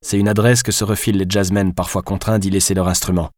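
Audiobook casting: a man doing a defensive, stubborn fugitive, low voice, dry and close. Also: little pitch movement, fast, darkish tone, dry recording, natural voice. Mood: grumbling. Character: frustrated man on the run, stubborn. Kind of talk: audiobook character voice.

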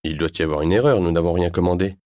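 A man reading an audiobook, voicing a wry, defensive ex-husband close to his own low voice. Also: rapid-fire, a little mellow, smooth, no room sound, lightly acted. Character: battered man, dry-witted ex-husband.

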